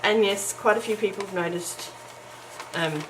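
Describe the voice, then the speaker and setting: Crafting at home in the early morning, a middle-aged vlogger chats casually in a medium-pitched voice at normal speed, croaky from just getting up. She's self-deprecating and talkative, with many ums and little laughs, recorded noisily through the camera's built-in mic.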